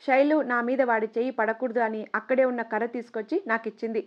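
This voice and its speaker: A woman narrating a first-person story in a steady, even reading voice. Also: on the high side, fast talker, muffled recording.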